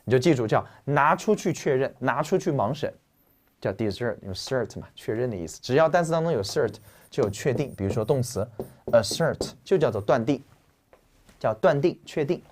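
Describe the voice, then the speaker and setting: A male teacher lectures on English vocabulary at an ordinary middle pitch. He explains with a lively, joking energy and tosses in casual slang to keep students awake. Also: normal speed.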